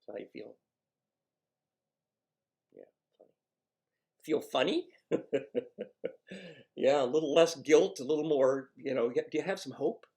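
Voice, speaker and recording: A man working as an addiction counselor, coaching a patient one-on-one in a gentle, coaxing, self-mocking way. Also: fairly high pitch, measured pace, pauses often.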